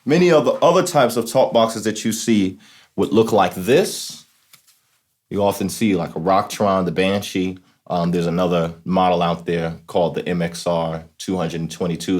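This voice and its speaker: With a low, slightly mellow voice, a man leads a talk box tutorial demonstration. He keeps his explanations informal and frequently checks in with whoever is listening.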